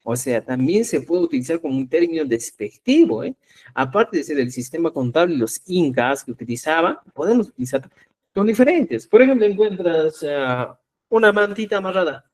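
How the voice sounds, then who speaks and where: A man teaches a live online class. His voice sits a little high and moves in lively swings, and he keeps asking "¿ya?" to check that his students follow. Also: moderate pace. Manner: lively, repeats "¿ya?" to check understanding. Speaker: Quechua teacher.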